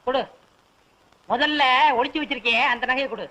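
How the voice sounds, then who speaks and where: Comic sidekick, brash and boastful, high and bright. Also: male voice, moderate pace, poor audio. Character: boastful bumbling young male sidekick. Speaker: comic film actor. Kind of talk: film comedy scene.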